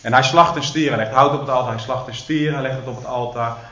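A man's voice: medium pitch, fairly even intonation, fast, pushed and bright. A man preaching a sermon, retelling a Bible story with dramatic emphasis and hesitant fillers. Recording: roomy, dull recording.

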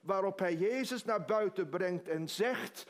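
A man's voice: high-pitched, a little slow. A man preaching a sermon, retelling a story dramatically with quoted dialogue.

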